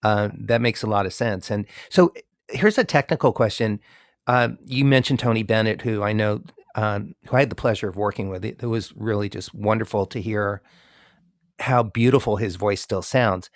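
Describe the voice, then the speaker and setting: A man who is a musician hosts a conversational interview, asking long, friendly, rambling questions full of fillers. He speaks at normal speed in a lowish voice, with clean studio sound and no room sound.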